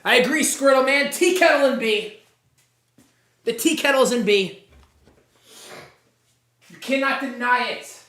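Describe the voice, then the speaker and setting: A man's voice: extremely high pitch, unhurried, long pauses, pushed and bright. Hyped man in an echoey room. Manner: repetitive, mock sportscaster hype, catchphrases. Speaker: livestream host. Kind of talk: hyped live tier-list commentary.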